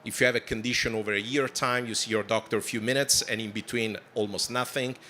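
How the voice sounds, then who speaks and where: A man in his forties with an Italian accent and a low, bright, forceful voice. He talks quickly and with animation on a conference stage, and his English sometimes shows a non-native turn of phrase. Faint room noise sits behind him. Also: steady tone. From southern Italy. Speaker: company founder on a panel. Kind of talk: conference panel talk.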